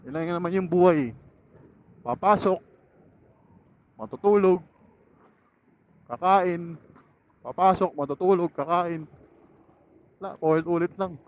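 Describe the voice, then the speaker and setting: A Filipino motorcycle vlogger muses to himself in a laid-back way while riding on a city road outdoors, speaking into his helmet intercom mic. His voice is high and slow with long pauses, and the audio is dull, with faint road noise.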